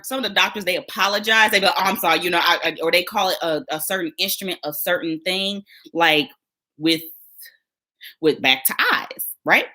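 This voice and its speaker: A woman's voice: medium pitch, sharp tone. A young woman, chatting casually on a livestream as a new surgical tech, talking straight to her viewers and laughing often.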